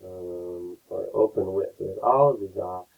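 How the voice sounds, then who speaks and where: A man teaching a painting lesson step by step, his audio a low-quality, tinny stream as he keeps checking in with his students. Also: normal speed, gravelly. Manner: relaxed, explains step by step, keeps checking in with "right?". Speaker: art teacher. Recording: tinny lo-fi phone-like sound.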